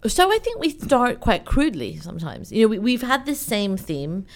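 A woman from Iran who grew up in the UK, speaking as a guest in an interview in an animated, chatty way with many fillers. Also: fairly high pitch, moderate pace, creaky, slight background noise. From Iran, raised in the UK. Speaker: event organizer, guest. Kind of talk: conversational interview.

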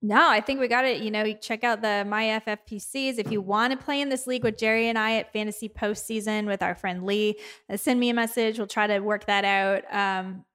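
A woman's voice: medium pitch, fairly even intonation, fairly bright tone, smooth. A woman with a Texas accent co-hosting a casual sports podcast, chatty and upbeat. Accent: Texan. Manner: chatty, quick asides, upbeat. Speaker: podcast co-host.

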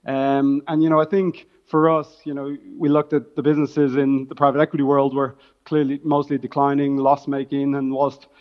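A man's voice: medium pitch, level tone, moderate pace, lo-fi sound. A man with a Dublin Irish accent, a startup founder giving explanatory, jargon-laden answers in a conversational business interview. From Dublin, Ireland.

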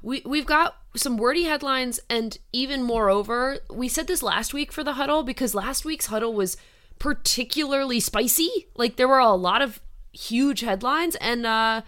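A woman's voice: fairly high pitch, moderate pace, a bit bright. Nasal, chatty woman co-host. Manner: chatty, swears casually. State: nasal from a sinus headache. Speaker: podcast co-host. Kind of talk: casual sports chat.

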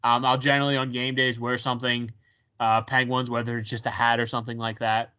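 A man's voice: mid-range voice, flat delivery, fairly quick, bright, forceful tone, clean tone. A man with a Pittsburgh accent co-hosting a podcast in casual chat, rambling with many ums and restarts. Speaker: podcast co-host. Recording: dull lo-fi sound.

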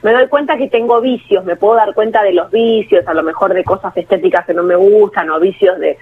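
Heard on a tinny phone line with a little hiss or hum, an actress and singer guests on a radio interview. Her mid-range voice runs a little fast, carrying a Rioplatense Spanish accent as she talks casually, mocks herself, and keeps starting over.

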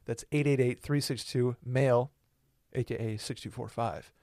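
A man's voice: mid-range voice, fairly even intonation, a little slow, a little mellow, no echo. Rambling man in his twenties, dry studio. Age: 20s. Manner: loose, rambling, self-correcting. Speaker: podcast co-host. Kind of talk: casual podcast chat.

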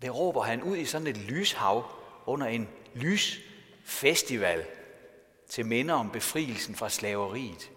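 A man's voice: medium pitch, expressive, a bit bright. A male pastor giving a sermon in a storytelling way, asking rhetorical questions. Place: church. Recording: long church reverb.

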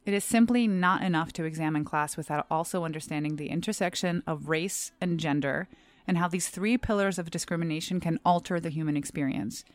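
Speaking in a deep voice, a young stage actor reads her own scripted personal essay. She keeps it earnest and measured, pronouncing every word clearly.

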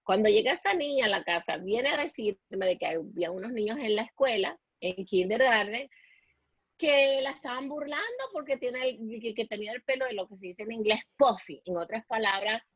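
Born in the Dominican Republic and raised in Puerto Rico, a woman with a Puerto Rican Spanish accent tells a personal story haltingly as a podcast guest, restarting often and slipping in English words. Her voice is fairly high, lively and breathy, in a lo-fi recording with no room sound.

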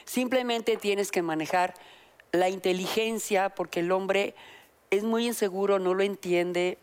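A woman's voice: mid-range voice, measured pace, clear, resonant tone. An older woman with a Mexican accent, a talk show guest chatting casually and acting out the voices in her stories. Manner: animated storyteller acting out quoted dialogue.

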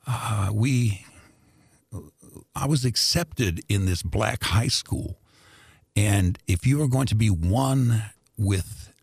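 An older man who was born in Greece and grew up in Indianapolis tells stories as a radio guest in a relaxed, drawling way, with many fillers and frequent laughter. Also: on the low side, gravelly, breathy edge, no echo, clean studio sound. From born in Greece, raised in Indianapolis. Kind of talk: casual interview storytelling.

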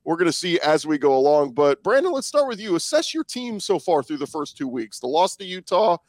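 A man's voice: a little high, very animated, fairly quick, dry recording. A man hosting a sports podcast in an upbeat, announcer-like way. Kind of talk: scripted show intro and sponsor read, then panel hosting.

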